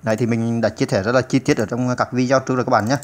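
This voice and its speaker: Brief: male tutor, rapid delivery, halting with fillers, patient repeats, beginner computer lesson. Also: medium pitch, steady tone. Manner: hesitant, many filler sounds and restarts. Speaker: channel host teaching computer basics.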